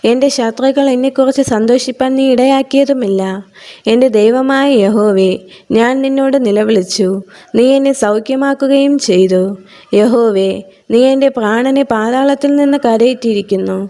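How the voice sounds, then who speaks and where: A woman reads scripture aloud for a meditation recording. Her voice sits a little high yet sounds mellow and soft-edged. She keeps a calm, measured recitation throughout. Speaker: Bible reader.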